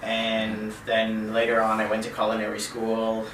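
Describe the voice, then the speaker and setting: A man, a chef and caterer from Canada, talking casually in an interview, relaxed, with many fillers and repeated phrases. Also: lowish voice, unhurried. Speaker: interview guest. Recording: roomy, distant from mic, faint noise.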